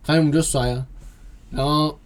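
Talking briskly in a fairly high-pitched voice with fairly even intonation, a young man tells meandering stories on a casual podcast. His anecdotes run on and on, each part linked to the next by "and then."

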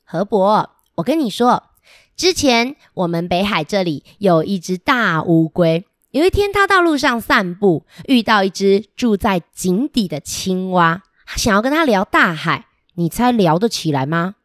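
A woman's voice: mid-range voice, big pitch swings, a little slow, no room sound, clean studio sound. A woman doing a kind, welcoming sea spirit. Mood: coaxing. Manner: warm, coaxing and reassuring.

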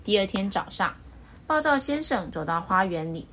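A woman reading a children's picture book aloud as storyteller, with expressive, lively delivery. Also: medium pitch, moderate pace, a little hiss or hum.

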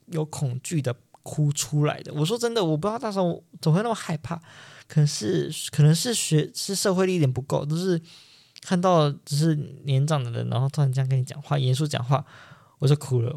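Gravelly young Taiwanese man telling stories. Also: fairly high pitch, quick pace, warm tone, dry recording, clean studio sound. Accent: Taiwanese Mandarin. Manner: earnest, emphatic, repeats himself for stress. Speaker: podcast host. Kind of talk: casual personal storytelling.

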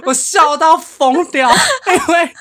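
A woman's voice: high voice, slow pace, fairly bright tone, no room sound, clean studio sound. A woman with a Taiwanese Mandarin accent co-hosting a podcast in casual chat, laughing often and acting out quotes. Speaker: podcast co-host.

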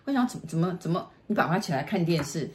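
A middle-aged woman from Taiwan with a Taiwanese Mandarin accent, casually telling a ghost story in halting bursts with many restarts and repeated words. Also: fairly low pitch, animated, slight background noise. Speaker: storyteller, the host's mother.

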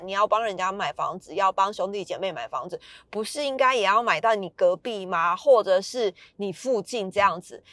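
A woman's voice: mid-range voice, bright, forceful tone, no echo. Chatty woman. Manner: chatty, retelling a friend's story with rising emphasis. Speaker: podcast host. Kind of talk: casual storytelling.

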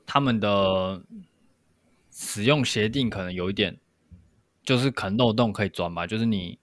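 A man's voice: on the low side, moderate pace, dry recording, clean studio sound. A man co-hosting a podcast, explaining things step by step in casual discussion. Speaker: podcast co-host.

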